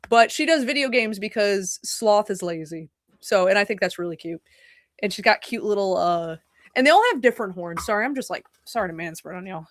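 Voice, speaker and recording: Chatting casually on her home stream, a young woman wanders from topic to topic, curses freely, and cuts in on herself with apologetic asides. Her mid-range voice is animated and fairly quick, and the studio sound is clean with no echo.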